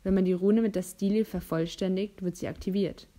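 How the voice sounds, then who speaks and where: A woman reading an audiobook, voicing a cocky, wounded teenage boy who speaks gruffly and curtly in a voice lower than her narration. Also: steady tone, a little fast, dark tone, natural voice. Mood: explaining.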